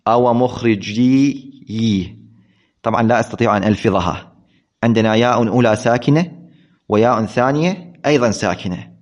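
A man's voice: medium pitch, fast talker. Man teaching grammar, repeating himself. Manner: repeats key words, asks questions and answers them himself. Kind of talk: classroom lesson explaining a text. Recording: dull lo-fi recording.

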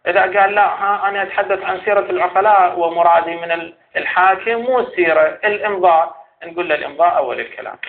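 Iraqi guy teaching a seminary class, fast and high, tinny phone-ish sound. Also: vocal fry. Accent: Iraqi Arabic. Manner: argumentative, poses questions to a rebutted scholar. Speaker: teacher of Islamic jurisprudence. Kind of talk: seminary lecture.

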